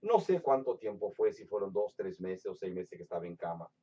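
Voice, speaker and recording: A preacher from Latin America giving a sermon with personal testimony, swinging between loud, emphatic bursts and hushed storytelling. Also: male voice, low-pitched, sing-song, fairly quick, breathy edge. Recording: distant, dull lo-fi sound.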